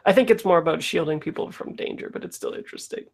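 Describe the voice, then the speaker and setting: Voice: medium pitch, fast, vocal fry. A player in a tabletop roleplaying game, talking casually and tentatively while improvising a character's moves.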